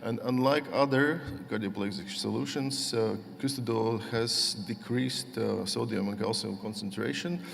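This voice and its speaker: A middle-aged man from Latvia giving a conference lecture, speaking haltingly with many fillers and restarts. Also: medium pitch, gravelly. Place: large conference hall. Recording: long hall reverb.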